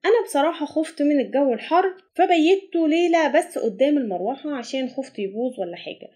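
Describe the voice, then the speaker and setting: A woman's voice: high voice, lively intonation, mellow. A woman with an Egyptian Arabic accent narrating a recipe step by step as a cooking channel host. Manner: brisk step-by-step instructions.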